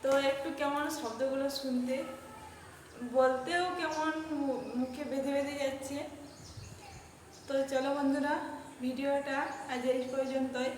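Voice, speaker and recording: A woman's voice: high-pitched, level tone, a little slow, long pauses, reverberant, long reverb tail, poor audio. A woman vlogger, chatting casually to her viewers in a home voice-over and stumbling over foreign words. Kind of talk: casual voice-over vlog narration. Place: home, recorded indoors with a motor running. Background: motor hum.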